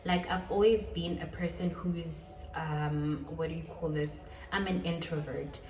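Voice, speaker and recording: A woman's voice: low voice, fairly even intonation, a little mellow. A woman in her twenties hosting her own vlog, talking casually and a bit self-deprecatingly, often repeating herself. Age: 20s. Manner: chatty, self-deprecating, with quick laughs and repetitions. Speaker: channel host. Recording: roomy echo, a little far from the mic.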